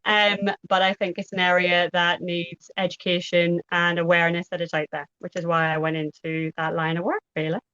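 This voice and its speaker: A woman in her thirties with an Irish accent, a podcast guest talking about her work at a measured, deliberate pace. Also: fairly low pitch, little pitch movement, sharp tone, clean tone, dry recording. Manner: measured, deliberately slowed speech. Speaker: podcast guest, pelvic health physio. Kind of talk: casual podcast chat. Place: at a co-host's home. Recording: dull lo-fi sound.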